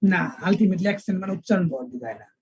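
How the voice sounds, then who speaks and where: A male English teacher, lecturing an online class and spelling words out slowly with repeated examples. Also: sits high, animated, a little mellow, breathy edge, dry recording, rough recording.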